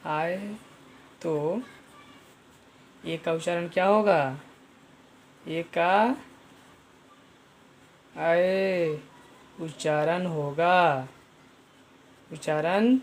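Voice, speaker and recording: A man's voice: on the high side, a little hiss or hum. A man teaching an online pronunciation lesson, spelling out letters and repeating each sound, often addressing viewers as friends.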